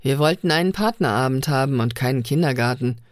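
A woman voicing a stern young male crewman, speaking forcefully and scolding. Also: extremely low pitch, fairly quick, no echo, clean studio sound.

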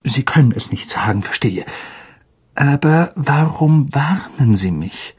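A woman's voice: a bass voice, lively intonation, a little slow, a little mellow, slightly rough, heavily acted. A woman voicing an earnest, worried twelve-year-old boy wizard who speaks hurriedly and sometimes stammers.

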